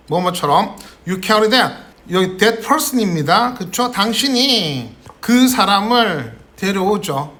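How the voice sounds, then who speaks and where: Bright, high-voiced male English teacher. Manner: frequent "자" fillers, mixing Korean and English; explaining and joking with students. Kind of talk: classroom lecture.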